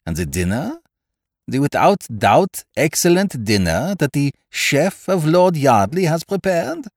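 A man's voice: a little high, sing-song, measured pace, dry recording, studio quality, voice pushed up, heavily acted. Man voicing Poirot, a fussy detective. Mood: affronted, courteous. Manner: foreign phrasing, exclamatory, courteous. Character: Belgian male detective, fussy, courteous, theatrically indignant.

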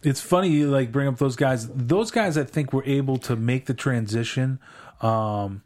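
Casting: American male podcast host, mid-pitched, casual sports chat, rambling and hesitant delivery. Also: normal speed, a little mellow.

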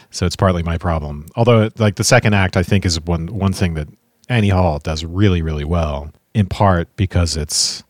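A man with a very low, deep voice talks through his thoughts on films in a relaxed podcast chat, circling back and restarting as he goes. The sound is close and dry, with no room around it. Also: no room sound. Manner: musing, thinks aloud with restarts. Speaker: podcast co-host. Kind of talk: casual chat about films.

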